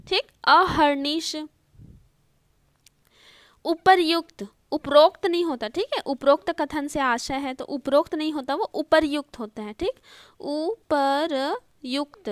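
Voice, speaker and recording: A woman's voice: sits high, dry recording, studio quality. A woman teaching an online spelling lesson, explaining step by step and repeating each word with frequent checks like "okay?". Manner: explains step by step, often repeating words and asking "ठीक है".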